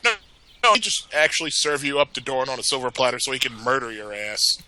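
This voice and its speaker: Lively, bright-voiced man joking along. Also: mid-range voice, fast talker, smooth, no echo. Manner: joking, laughing commentary. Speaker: let's play co-host. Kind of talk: casual gaming commentary.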